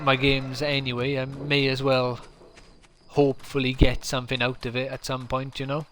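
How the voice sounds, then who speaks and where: A man's voice: medium pitch, monotone, normal speed, fairly bright tone, a little hiss or hum. A man from South Wales with a South Welsh accent, chatting casually through a live game stream and answering his viewers. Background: game music.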